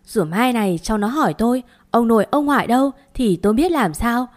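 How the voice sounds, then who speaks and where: A bitter old mother-in-law in a spoken story, wailing in grief one moment and screeching accusations the next, as a woman narrator puts her on. Her voice sits a little higher and much louder than the reader's own. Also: lively intonation, fairly quick, lightly acted.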